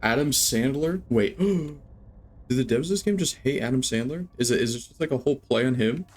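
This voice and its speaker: A man's voice: mid-range voice, expressive, brisk, a little mellow. A young adult man streaming a game, rambling, joking and swearing as he chats with viewers. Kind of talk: live gameplay commentary.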